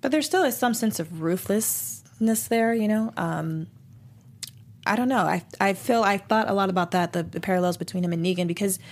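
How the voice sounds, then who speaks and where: A woman's voice: medium pitch, normal speed. A woman co-hosting a casual TV after-show, chatting loosely with lots of fillers. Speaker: co-host. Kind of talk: casual chat.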